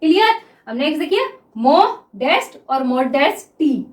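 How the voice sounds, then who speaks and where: A high-pitched woman gives a classroom lesson, drawing out example words as she writes them and checking in with her students again and again. The room rings with a noticeable echo. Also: big pitch swings. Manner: repeats words slowly while writing, asks 'clear?' often. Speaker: shorthand teacher.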